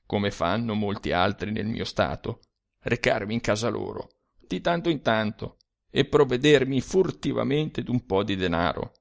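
A man voicing a sad, secretive dead old man who speaks low and confidingly. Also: creaky, full character voice.

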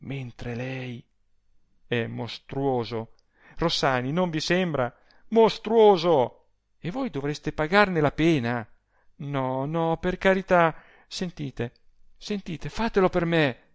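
A man's voice: medium pitch, slow pace, fairly bright tone. A man voicing an agitated society woman who pleads and exclaims in a raised voice, in an audiobook reading. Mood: vehement. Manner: emotional, imploring, exclamatory.

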